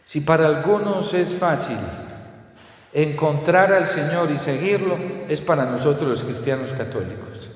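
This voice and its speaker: Preaching priest in an echoing church. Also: male voice, fairly high pitch, a little slow. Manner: preaching with rhetorical questions and emphatic repetition. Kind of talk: sermon. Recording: echoey hall reverb.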